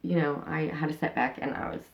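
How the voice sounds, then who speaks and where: A woman in her thirties, an interviewee and channel host, talks frankly in a casual interview with a low, fairly even voice and vocal fry. She speaks a little fast, rambling with many fillers and restarts, and the sound is lo-fi.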